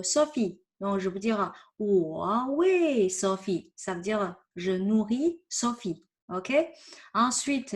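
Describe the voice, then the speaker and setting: A woman teaching a vocabulary lesson over a shared screen, patiently repeating words and often checking with "ok?". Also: mid-range voice. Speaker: Chinese teacher.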